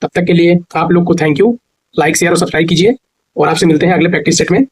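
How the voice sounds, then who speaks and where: Male teacher, high husky voice, patient step-by-step explainer for exam prep. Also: steady tone, rough recording. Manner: explains step by step, repeats words slowly to spell them. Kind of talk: exam-prep grammar lesson.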